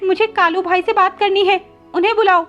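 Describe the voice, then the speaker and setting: A woman's voice: very high-pitched, steady tone, fairly quick, a bit bright, muffled recording, faint music behind, pitched above the performer's own voice. A woman voicing a timid young female sparrow who pleads and stammers in fear. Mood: pleading.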